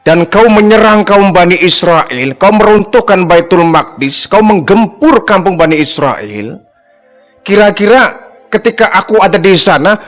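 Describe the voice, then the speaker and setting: A man's voice: high-pitched, a bit bright, pitched above the performer's own voice, full character voice. A man voicing a kindly, wise older man who presses with raised, urgent questions.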